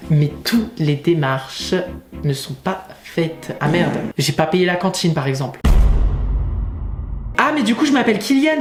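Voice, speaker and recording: A man's voice: sits high, darkish tone. A man in his twenties giving chatty, jokey commentary while playing a game, reading the text aloud and adding asides. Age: 20s. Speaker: gaming YouTuber. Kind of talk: let's-play commentary. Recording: roomy echo with faint music.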